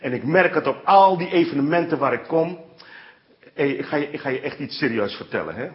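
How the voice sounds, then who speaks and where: A male preacher telling stories in an animated way, keeping his listeners close with frequent asides. His voice sits a touch high. The recording is dull and lo-fi. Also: a little fast. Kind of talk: sermon.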